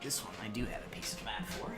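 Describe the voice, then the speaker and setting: Halting male game master, echoey room. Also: on the low side, big pitch swings. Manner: halting, searching for words. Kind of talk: narrating a tabletop game. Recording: echoey room, loud background music.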